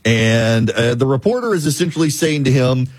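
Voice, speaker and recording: Husky-voiced Southern talk radio host. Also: male voice, medium pitch, animated, normal speed, dry recording. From American South. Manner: folksy, sarcastic, emphatic.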